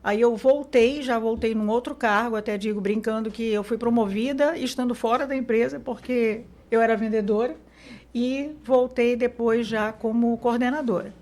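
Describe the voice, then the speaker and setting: A woman from Mozambique speaks as a guest on an interview show. Her voice sits fairly high. She tells her story in a relaxed way, with fillers and self-corrections. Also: normal speed. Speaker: business consultant guest. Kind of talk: interview conversation.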